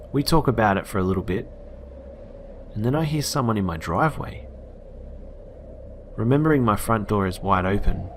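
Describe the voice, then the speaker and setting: A man narrates a horror story in a low voice. His delivery is casual and blunt, with occasional swearing. A faint hiss sits under the recording. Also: gravelly.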